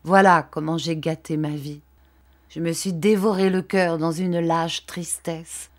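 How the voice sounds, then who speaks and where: A woman's voice: sits low, steady tone, unhurried. A woman voicing a broken, despairing older man who pours out his remorse in a storybook reading. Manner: anguished, pleading.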